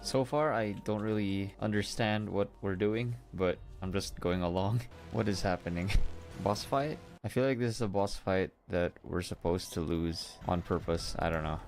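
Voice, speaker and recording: A man's voice: deep voice, normal speed, a little mellow, soft background music. A man doing casual let's play commentary, thinking aloud in a puzzled, playful way. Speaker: gamer playing a game for the first time.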